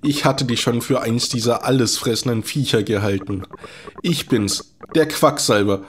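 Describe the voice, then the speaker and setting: A man's voice: medium pitch, normal speed, slight background noise, close to an everyday voice. A man voicing a nervous, chatty middle-aged quack doctor, reading game dialogue aloud in a rambling, pleading way. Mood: fussy, chatty.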